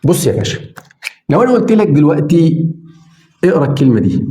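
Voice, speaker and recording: A middle-aged man with an Egyptian Arabic accent teaching beginner English phonics, repeating each sound slowly and speaking straight to the viewer. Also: on the high side, sing-song, mellow, slight background noise.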